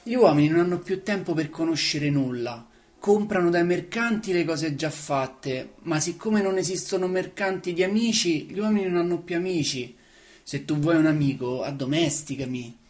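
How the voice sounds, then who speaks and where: A woman's voice: low voice, moderate pace, voice pushed up, close to an everyday voice. A woman voicing a wise, wistful fox who longs to be tamed, speaking earnestly and explaining. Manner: earnest, explaining, a little louder.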